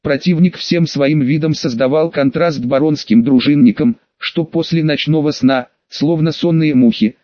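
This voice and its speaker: A man's voice: fairly high pitch, darkish tone, no room sound, highs cut off. Man narrating a fantasy audiobook.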